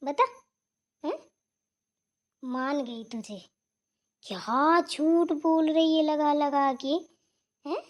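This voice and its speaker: A woman's voice: high voice, drawn-out words, long pauses. A woman voicing a rude, lazy younger sister-in-law in a cartoon, who snaps bluntly and keeps asking "right?". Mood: defiant. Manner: blunt, scolding, repeats "theek hai na". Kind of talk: cartoon voice acting.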